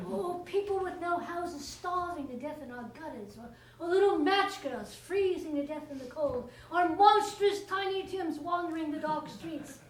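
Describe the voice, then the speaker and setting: An actress playing a chatty, irreverent charwoman on stage, laughing often as she talks to a silent listener. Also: high-pitched. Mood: gleeful. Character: chatty middle-aged charwoman, cheeky and irreverent. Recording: echoey stage sound from far off, faint hiss.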